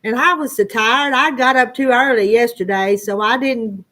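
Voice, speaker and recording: At a moderate pace, a woman in her sixties speaks in a fairly high, pushed, bright voice. She's a livestream host with a rural Southern Ozark country accent from the Arkansas Ozarks foothills, chatting casually to viewers in a homespun, folksy, rambling way.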